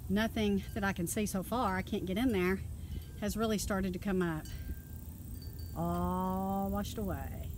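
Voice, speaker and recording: A middle-aged woman, chatting casually to viewers in a vlog as she walks around her rural garden and yard, filming on a phone. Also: a little high. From North Texas. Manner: chatty, folksy, talks straight to viewers while working outdoors. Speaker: gardening vlogger. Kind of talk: casual vlog walk-through. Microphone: phone camera held or close by. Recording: outdoor wind and yard noise.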